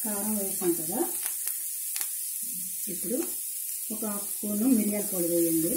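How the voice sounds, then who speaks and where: A woman's voice: mid-range voice, fairly even intonation, moderate pace, background noise. Woman, cooking host, chatty instructive tone, echoey kitchen, sizzling frying behind. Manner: chatty, instructive, repeats tips. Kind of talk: home cooking demonstration. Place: home kitchen at the stove.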